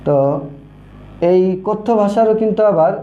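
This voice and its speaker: A male teacher giving an online grammar lesson while he writes, talking slowly and saying each key term twice. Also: high voice, phone-quality sound. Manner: slow and repetitive, says key terms twice. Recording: echoey room with faint noise.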